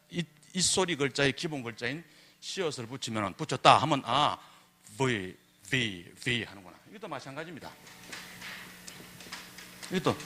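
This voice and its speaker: A man's voice: medium pitch, pushed and bright, a little hiss or hum. A man giving a public lecture, asking the audience rhetorical questions and sounding out letters to demonstrate them. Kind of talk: public lecture on Korean script.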